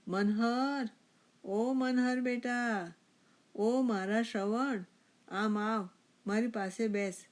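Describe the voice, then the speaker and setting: Woman narrator doing an older father: slow, tender, drawn-out calls. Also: on the low side, darkish tone, close to an everyday voice. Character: elderly father, gentle and affectionate.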